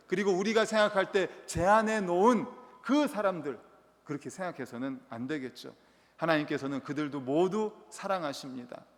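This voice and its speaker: A male pastor giving an earnest sermon with rhetorical questions and light, humorous stories. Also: fairly high pitch. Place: church sanctuary. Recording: long church hall reverb.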